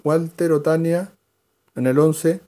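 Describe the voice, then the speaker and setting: A man's voice: a little high, steady tone, slow, warm tone. A man leading a verse-by-verse Bible study, explaining and calling on readers by name.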